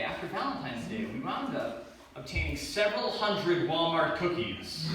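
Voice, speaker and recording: Young man doing stand-up, lively pitch. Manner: storytelling with playful voiced asides. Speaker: stand-up comedian. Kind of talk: stand-up set. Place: live comedy venue with audience. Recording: distant roomy live recording, audience noise.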